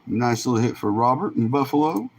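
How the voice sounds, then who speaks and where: A man's voice: mid-range voice, sing-song, fairly quick, darkish tone, low-quality recording. A man hosting a live sports card break, calling out names in short, clipped, list-like bursts.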